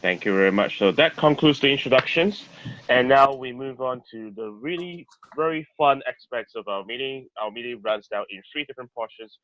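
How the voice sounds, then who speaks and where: A man's voice: medium pitch, animated, moderate pace, a bit bright. A man acting as president of an online club meeting, politely introducing each speaker over a video call. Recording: dull, dry video-call audio.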